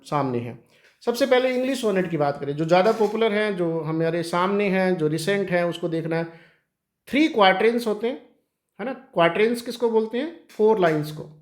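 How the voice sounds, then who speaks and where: A man's voice: high-pitched, reverberant. A man with an Indian English accent teaching an exam prep lesson, asking questions and answering them himself. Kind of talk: exam prep lecture on poetry.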